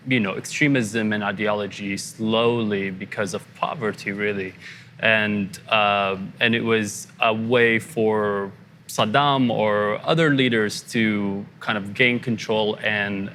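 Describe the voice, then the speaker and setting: Journalist, man about thirty, from Iraq; low-ish voice, thoughtful, stop-start delivery, faint room hum. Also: pushed and bright. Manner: halting, thoughtful, frequent restarts. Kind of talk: interview conversation.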